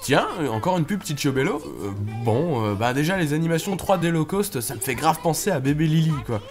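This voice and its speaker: A man's voice: on the high side, animated, a little fast. A man co-hosting a comedy web show, giving casual, informative commentary in colloquial language. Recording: music clearly behind.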